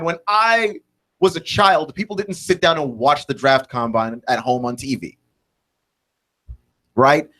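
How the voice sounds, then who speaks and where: A young man in his twenties talks through football topics on a radio show. He rambles and restarts often, tagging his points with quick asides as he works out his opinions live. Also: a little high, a bit bright. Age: 20s. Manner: rambling, thinks aloud with many restarts and "like, right?" tags. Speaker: sports radio host. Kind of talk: solo sports talk radio monologue.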